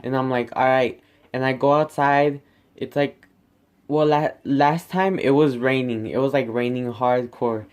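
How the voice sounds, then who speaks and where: Young guy vlogger, mid-pitched smooth voice, griping sarcastically to camera. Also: steady tone, unhurried, darkish tone. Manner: sarcastic, exasperated, filler-heavy with lots of "like". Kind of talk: casual rant to camera.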